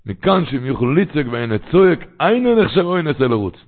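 Very animated and on the high side, a man at normal speed recounts religious stories in a meandering way, repeating himself. The recording sounds tinny, like a phone line.

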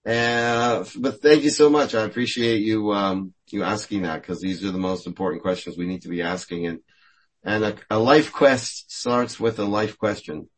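A man's voice: fairly low pitch, moderate pace, low-quality recording. Thoughtful man speaking on faith. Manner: thoughtful, repeats words while searching for phrasing. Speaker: guest speaker answering questions on faith. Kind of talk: reflective spiritual talk.

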